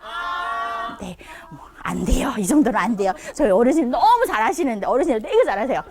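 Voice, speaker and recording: Lively high-voiced woman teaching pronunciation. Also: fast talker. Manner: demonstrates sounds with big pitch swings, asks and answers her own questions. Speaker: Chinese conversation instructor. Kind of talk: online lesson for seniors.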